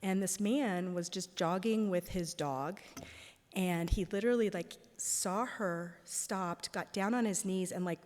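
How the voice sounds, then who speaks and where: A woman's voice: lowish voice, a little slow, darkish tone. A woman speaking at a parish event, telling stories in a chatty way full of "like" and "um". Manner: chatty, with many "like" and "um" fillers. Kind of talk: casual storytelling talk. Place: church. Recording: long reverb of a large hall.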